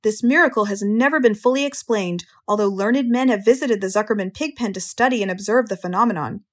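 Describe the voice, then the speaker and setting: A woman's voice: medium pitch, fairly quick, natural voice. A woman voicing a pompous, grandiose fairground announcer making formal proclamations in a storybook. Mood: pompous, proud. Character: pompous fairground announcer booming over a loudspeaker.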